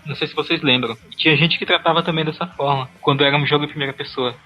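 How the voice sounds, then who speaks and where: A man's voice: fairly high pitch, fairly even intonation, racing, lo-fi sound. A Brazilian man in his thirties co-hosting a casual podcast, with a robotic, processed-sounding voice. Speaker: podcast co-host. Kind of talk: casual chat.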